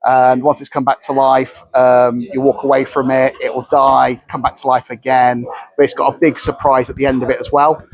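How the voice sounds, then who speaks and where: A man's voice: medium pitch, little pitch movement, normal speed, poor audio. A man, a prop dealer, demonstrating magic tricks in a chatty, showman-like way. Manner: chatty, showman-like, hesitant fillers. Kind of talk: product demonstration.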